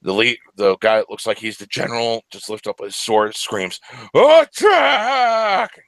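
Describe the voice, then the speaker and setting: A man's voice: little pitch movement, normal speed, fairly bright tone, no echo. A man narrating a tabletop game as game master, breaking into crude sung parodies and laughing often. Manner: sings crude parody songs in a high put-on voice, laughs often.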